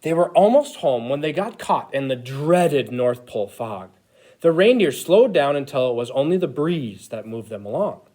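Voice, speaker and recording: A man playing an eager, childlike Christmas elf who reads a picture book to children in an expressive, exaggerated way. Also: medium pitch, moderate pace. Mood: eager storytelling. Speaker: storyteller reading to children. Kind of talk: animated picture-book read-aloud.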